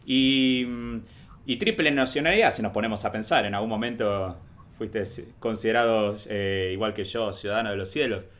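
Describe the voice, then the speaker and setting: A man's voice: on the low side, moderate pace, a bit bright. A man hosting a faith interview show in an upbeat, welcoming way. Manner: upbeat, welcoming host patter. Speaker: host.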